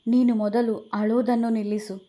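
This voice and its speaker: A woman reading a young man caught in a rushed marriage, anxious and pleading. He speaks in a raised, slightly high voice. The delivery is heated rather than calm. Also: close to an everyday voice.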